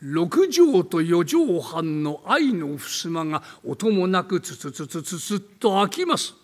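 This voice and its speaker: An older man from Tokyo, playing a meek, polite old male landlord in a comic storytelling act, deferential and telling ghost tales slowly. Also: high voice, sing-song, long reverb tail, heavily acted. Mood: eerie, slow. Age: 70s. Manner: timid, deferential, slow eerie storytelling. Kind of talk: rakugo storytelling.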